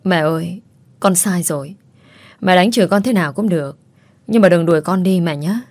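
A woman's voice: on the low side, normal speed, darkish tone, dry recording. A woman voicing a betrayed, heartbroken young woman who speaks tearfully and pleads, in a storybook reading. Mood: pleading.

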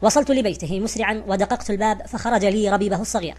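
A woman's voice: medium pitch, rapid-fire, darkish tone. A woman giving a scripted narration in a formal, literary reading style.

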